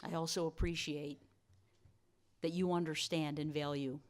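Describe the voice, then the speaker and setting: A low-pitched woman hosts an awards dinner with a formal speech. She honors the guests and slips in playful jokes for the audience. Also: level tone, normal speed. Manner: warm, playful asides to the audience. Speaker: college president giving dinner remarks.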